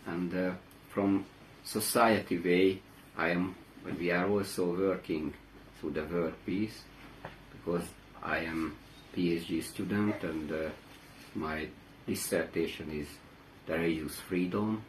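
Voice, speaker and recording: Man, Hungarian accent, deep voice, halting non-native English, personal testimony, faint background noise. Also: steady tone, rough recording. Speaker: guest speaker.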